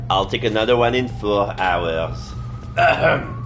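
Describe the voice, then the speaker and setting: A man playing a video game, commenting casually and playfully and reading the on-screen text aloud. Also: lowish voice. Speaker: let's play streamer. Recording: background music under the voice.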